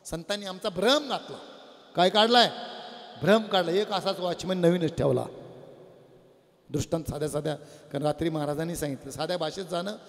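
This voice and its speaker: Male devotional preacher, high-pitched, lively parable teller who questions his audience, long hall reverb. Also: brisk, pauses often. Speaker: religious discourse speaker. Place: before a live audience.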